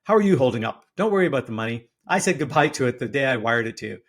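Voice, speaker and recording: A man's voice: medium pitch, animated, rapid-fire. A man voicing a breezy, wealthy young British heir with a put-on upper-class British accent and a clipped, offhand way of talking. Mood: startled, kindly. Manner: clipped and offhand, tossing in "old chap".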